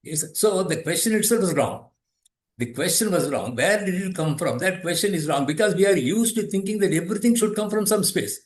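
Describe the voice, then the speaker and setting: A man's voice: high-pitched, lively intonation, brisk, reverberant. A man in his eighties, a guest explaining philosophy in conversation, thoughtful and often restarting and repeating his phrases. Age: 80s. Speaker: guest, yoga teacher and author.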